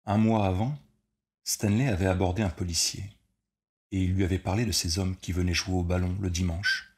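Deep-voiced man narrating an audiobook. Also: steady tone, normal speed. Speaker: reader. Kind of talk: audiobook narration of a short story.

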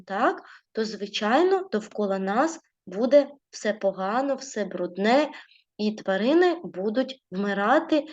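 A woman teaching a primary school class, speaking gently with many diminutives and frequently checking in with "right?". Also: medium pitch, muffled recording. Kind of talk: classroom lesson narration.

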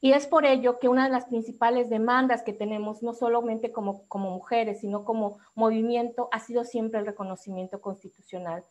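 Speaking on a discussion panel as an activist, a woman with a Mexican accent presents prepared formal remarks in a deliberate, well-spoken manner. Her voice is a little high, a little mellow, and steady in tone.

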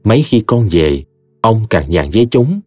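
A man with a Mekong Delta Vietnamese accent tells a funny story, his lowish, husky voice rising and falling with life. He sounds close and dry, with soft music running underneath. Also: big pitch swings, moderate pace, dry recording. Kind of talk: humorous story narration.

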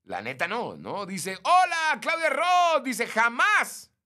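A man's voice: very high-pitched, slow pace. A young Mexican man hosting a casual live stream, reading and greeting viewers by name. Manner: animated, greets viewers by name, mimics shrieks.

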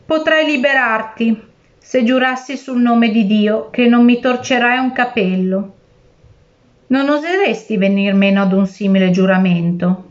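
A woman's voice: fairly high pitch, measured pace, muffled recording, close to an everyday voice. A woman reading aloud and voicing a poor fisherman who pleads for his life and then outwits his captor. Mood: defiant. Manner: pleading, then shrewd and defiant. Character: poor, desperate, clever old fisherman.

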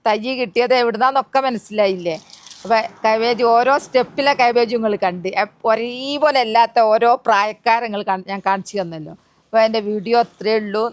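Woman, gardening vlogger, chatty, talks to viewers, slightly high voice, outdoor garden. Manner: chatty, speaks straight to viewers. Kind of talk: casual vlog talk. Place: outdoor garden beside a road.

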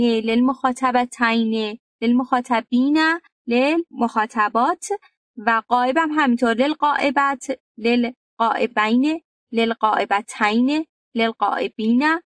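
A woman with a Persian accent teaching Arabic verb conjugations in an online lesson. She talks to her students directly, with lively emphasis, and recites verb forms in sequence. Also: a little high, dry recording, studio quality, far from the mic.

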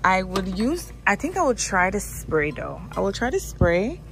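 A woman's voice: medium pitch, big pitch swings, moderate pace, vocal fry, a bit bright, slight background noise. A woman vlogging as she shops in a store aisle, chatting casually and thinking aloud, often repeating herself, recorded on a handheld phone. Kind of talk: casual shopping vlog narration. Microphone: handheld phone camera.

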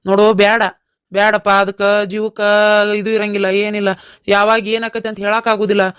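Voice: medium pitch, flat delivery, fairly quick, fairly bright tone, clear, resonant tone, no room sound, studio quality, natural voice. A performer voicing a village uncle with a North Karnataka accent, trying to talk his nephew out of joining the army in a cartoon. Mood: coaxing. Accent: North Karnataka Kannada. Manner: coaxing, reasoning. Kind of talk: cartoon voice acting.

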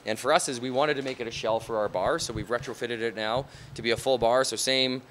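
A man's voice: medium pitch, fairly even intonation, fast talker, a bit bright, a little hiss or hum. A man in his thirties, a bar owner, talking casually in an on-site interview, with many fillers like "you know" and "um". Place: outdoors on a street, then inside a large bar and bowling hall. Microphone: handheld reporter mic.

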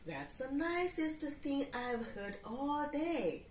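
A woman's voice: high voice, big pitch swings, slow pace, echoey room, recorded from a distance, slight background noise, heavily acted. A woman doing a sighing, patient cat. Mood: resigned. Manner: sighing, mild.

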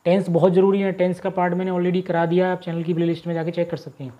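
A man teaching a grammar lesson, patiently repeating his example sentences and saying them slowly and drawn out before explaining them more briskly. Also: high voice, little pitch movement, lo-fi sound.

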